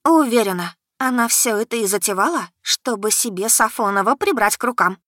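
A woman's voice: on the high side, brisk, pushed and bright, no echo, studio quality, pitched above the performer's own voice. A woman voicing a young female friend who asks pointed, probing questions in a slightly raised voice. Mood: grim.

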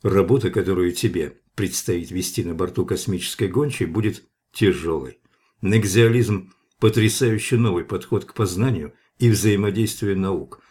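A man's voice: low-pitched, moderate pace, a little mellow, natural voice. A man reading the parting advice of an older male institute director in a grave, instructive manner.

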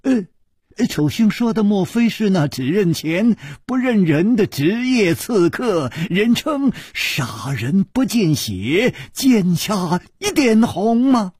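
A man's voice: sits high, big pitch swings, takes it slowly, darkish tone, husky, no echo, studio quality, voice pushed up, exaggerated voice. Storyteller doing a fussing young swordsman. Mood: astonished. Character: earnest young male swordsman, proud heir.

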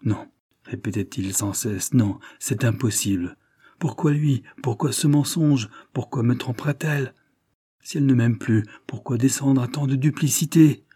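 A man's voice: mid-range voice, moderate pace, dark tone, slightly rough, no room sound, studio quality, close to an everyday voice. A man reading the pleading, impassioned lines of a desperate young lover. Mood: anguished. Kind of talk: audiobook character reading.

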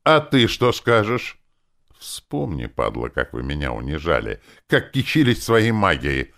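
A timid office clerk suddenly drunk on power, gloating and mocking his victims in a raised, strident voice, as a male narrator puts him on. The delivery swings wide in tone, and a gravelly edge runs under the tormenting commands. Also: extremely low pitch, wildly swooping pitch, normal speed, a bit bright, heavily acted. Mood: furious. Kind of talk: audiobook character voice.

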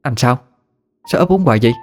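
A man's voice: mid-range voice, animated, fast, a little mellow, voice pushed up, close to an everyday voice. A man voicing a scolding, nagging young wife. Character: exasperated young wife, sharp-tongued and scolding.

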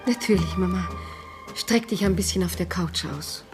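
An actress playing an anxious young wife in a radio play, gentle and pleading. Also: female voice, lowish voice, moderate pace, over music, close to an everyday voice.

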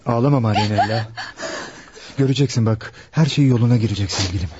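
An actor playing a young fiancé in a radio drama, earnest and reassuring. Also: male voice, on the low side, quick pace, noisy background, close to an everyday voice. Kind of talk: 1960s Turkish radio drama acting. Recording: dull lo-fi dry archive radio recording.

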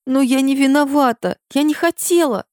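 A woman voicing a panicked young female student near tears in an audiobook, pleading in a high, strained voice. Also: normal speed, darkish tone, no echo, clean studio sound, natural voice. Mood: pleading, desperate.

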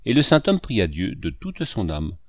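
A man narrating a classic children's story in an expressive, scripted reading. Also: fairly low pitch, normal speed, dry recording. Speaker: audiobook narrator.

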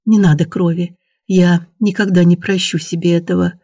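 A man's voice: high voice, flat delivery, normal speed, dry recording, clean studio sound. A man voicing a pleading young noblewoman. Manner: soft, pleading.

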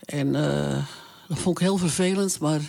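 A woman's voice: low voice, unhurried, vocal fry, warm tone. Older woman, interviewee, hesitant, plain-spoken, casual reminiscing.

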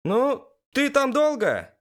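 A woman's voice: sits high, wildly swooping pitch, slow, voice pushed up, heavily acted. A man voicing an impatient young woman in a game party who keeps scolding the hero.

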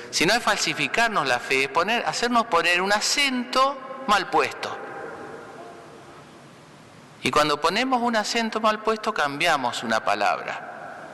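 A man, a priest, giving a conversational homily, often checking with listeners and pausing to restart phrases. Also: fairly high pitch, pushed and bright, big-room sound. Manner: conversational, asks "¿no?" for agreement; pauses and restarts mid-phrase. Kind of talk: spoken homily.

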